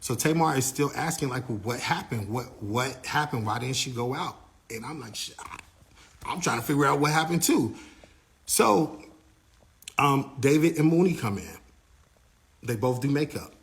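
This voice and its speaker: Man, young adult, casual storytelling, animated, repeats phrases, acts out dialogue. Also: medium pitch, normal speed, pauses often. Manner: animated, repeats himself, acts out others' lines. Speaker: manager telling a story.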